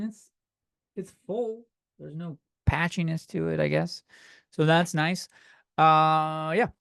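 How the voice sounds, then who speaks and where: This podcast host, a man in his thirties, rambles and swears through a solo comedy rant full of self-deprecation. He speaks with a fairly high, fairly bright voice and some vocal fry, recorded in a studio with no echo.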